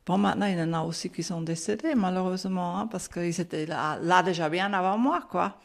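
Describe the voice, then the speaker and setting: Speaking briskly in a creaky, fairly low voice, this older Swiss German woman recalls her life in a chatty interview conducted in French, her accent clearly from German-speaking Switzerland. Frequent "hein" and "euh" fill her talk, and she laughs a lot.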